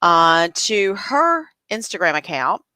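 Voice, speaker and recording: Woman, livestream host, crisp bright tone, casual chatty, cough drop in mouth. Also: on the low side, very animated, slow, no echo. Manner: chatty, troubleshooting aloud. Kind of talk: casual live interview.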